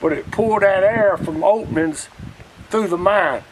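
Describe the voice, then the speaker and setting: Being interviewed outdoors in noisy, windy conditions, an older Southern-accented man who once mined coal looks back on the past in a homespun, plain way. He speaks at a normal pace in a high-pitched voice.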